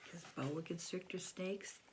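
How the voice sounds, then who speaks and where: Reading at a measured pace, this American woman in her fifties has a fairly low pitch. She shares a picture book with young children from a small bedroom at home, adding expressive touches, easy explanations, and questions for the listener. Slight background noise can be heard.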